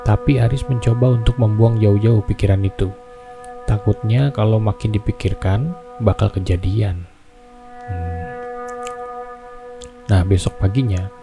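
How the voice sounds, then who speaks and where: A man hosting a horror story reading, telling it in a casual, chatty way with asides to listeners. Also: fairly low pitch. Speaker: host reading horror stories. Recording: music bed under the voice. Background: background music.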